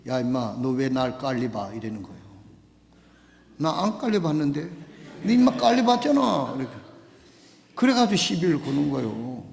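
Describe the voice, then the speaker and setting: A male pastor, preaching a sermon in a church, with emphatic swings between loud exhortation and soft asides. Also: fairly high pitch, creaky. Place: church sanctuary. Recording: echoey church hall.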